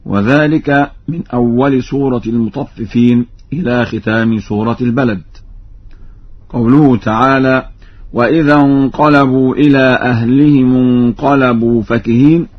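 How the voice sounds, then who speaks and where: A Quran reading scholar gives a radio lesson on recitation variants, explaining plainly and then chanting verse examples slowly. His voice is medium-pitched, and the radio recording sounds dull and lo-fi.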